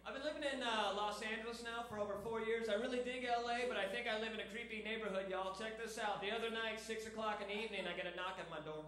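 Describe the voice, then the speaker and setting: A man's voice: high-pitched, fairly even intonation, fast, hardly any pauses, fairly bright tone. A man in his thirties doing a conversational, punchy stand-up set and talking right to the crowd. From half Irish, half Filipino background. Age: 30s. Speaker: stand-up comedian. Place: comedy club stage. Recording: echoey noisy comedy club.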